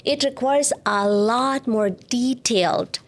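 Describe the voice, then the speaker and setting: A woman's voice: fairly high pitch, slow pace. A woman entrepreneur guest in a podcast interview, speaking emphatically and repeating her points for stress. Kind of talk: interview answers.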